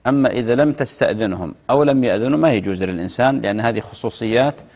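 A man, a television sheikh answering viewers' religious questions with measured explanations and chanted example phrases. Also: medium pitch, a little mellow, big-room sound.

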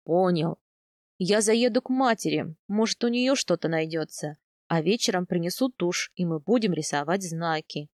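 Easygoing, teasing young groom, low and dry audiobook read; a woman plays him. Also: normal speed, darkish tone, no echo, close to an everyday voice. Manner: bantering, easygoing. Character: young steppe husband, teasing and playful. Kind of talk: audiobook character voice.

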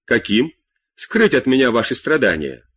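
A man voicing a stubborn middle-aged French king who teases mildly in a husky, lively voice. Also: medium pitch, moderate pace, no echo, studio quality.

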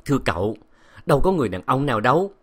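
A man's voice: medium pitch, very animated, racing, breathy edge, pitched above the performer's own voice. Man voicing a timid old nanny. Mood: begging. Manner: humble, tremulous pleading.

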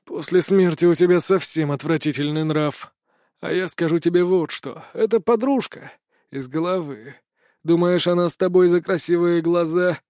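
A man voicing a cruel older male high councillor who sneers and rasps as he tells his story. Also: steady tone, moderate pace, darkish tone, dry recording, studio quality, natural voice. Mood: sneering. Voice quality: rasping, scornful.

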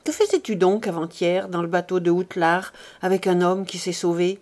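A woman's voice: lowish voice, normal speed, natural voice. Woman reading a hot-tempered young man. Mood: stern. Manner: loud and stern. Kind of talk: audiobook character reading.

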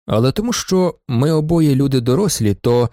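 A man voicing a calm, sardonic middle-aged merchant with a low, even delivery in a storybook reading. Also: moderate pace, no room sound, clean studio sound, close to an everyday voice.

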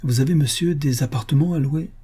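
A reserved young widow speaks with a lifted, gentle tone, read by a man in a storybook voice. Her questions are careful and courteous, and she sounds anxious underneath. The delivery is mellow and a little husky. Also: on the high side, pitched above the performer's own voice. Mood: guarded. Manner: polite, measured questioning.

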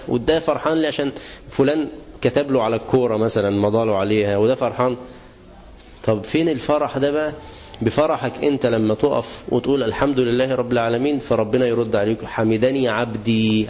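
Talking fast with fairly even intonation, this man has a mid-range, slightly mellow voice and an Egyptian accent. He gives students a religious lesson, asking the class questions he then answers, and the recording is dull and lo-fi.

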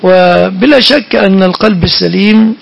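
Male preacher, high and gravelly, lecturing from scripture, muffled lo-fi recording. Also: moderate pace. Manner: repeats phrases for emphasis, quotes verses. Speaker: Quran commentator. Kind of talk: sermon-style Quran commentary. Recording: dull lo-fi recording.

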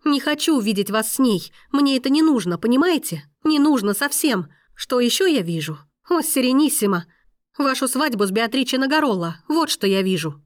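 A woman's voice: lively intonation, normal speed, no echo, studio quality. Woman voicing a furious frightened young heroine. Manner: shrill angry outbursts.

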